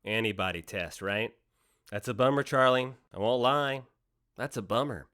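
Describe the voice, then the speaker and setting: A man's voice: mid-range voice, normal speed, a bit bright, dry recording, studio quality, lightly acted. A man playing a breezy Satan in human guise in an audio drama, glib, casual and full of mock sympathy. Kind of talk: modern audio drama acting.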